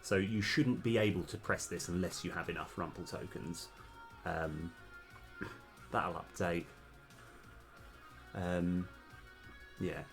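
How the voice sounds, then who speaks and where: Over soft background music, a man streams game development live and reasons through his code, hesitant and peppered with ums. His low voice is slightly worn and steady, and he goes slowly, pausing often.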